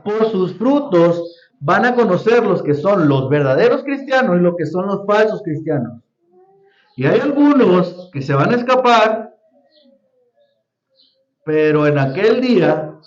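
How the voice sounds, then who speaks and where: A man teaching a Sunday school Bible lesson to a congregation, often quizzing the class with questions. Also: on the high side. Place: church hall. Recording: roomy, dull lo-fi church recording.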